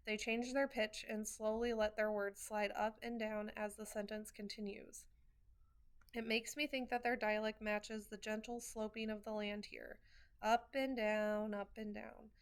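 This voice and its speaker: A woman's voice: mid-range voice, level tone, moderate pace, clean tone. A woman reading a first-person novel chapter aloud, in an earnest way with wry asides and small restarts. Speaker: reader of a novel.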